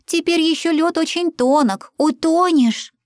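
A woman's voice: very high voice, unhurried, a little mellow, no echo, clean studio sound, pitched above the performer's own voice. A woman voicing a caring hen who anxiously warns her little brother, in a storybook reading. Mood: anxious warning. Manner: pleading, warning. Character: caring hen big sister, anxious and cautioning.

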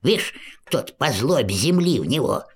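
A woman's voice: rumbling low, very animated, moderate pace, breathy edge, full character voice. A woman voicing the old witch Baba Yaga, grumbling and cackling in a storybook reading.

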